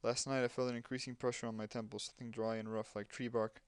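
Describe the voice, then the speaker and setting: Man narrating a game playthrough, smooth clear voice, dry close sound, sarcastic asides. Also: medium pitch, flat delivery, fast, no room sound. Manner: reads dialogue aloud, breaks off with sarcastic asides. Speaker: gamer playing a game. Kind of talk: let's play commentary, reading game text aloud.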